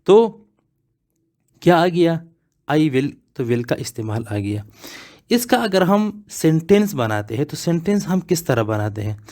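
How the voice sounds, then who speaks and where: A man's voice: fairly high pitch, very animated, unhurried, long pauses, a little mellow. A man teaching English grammar, explaining step by step and repeating example words one at a time. He asks his class questions and then answers them himself. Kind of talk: grammar lesson explained slowly.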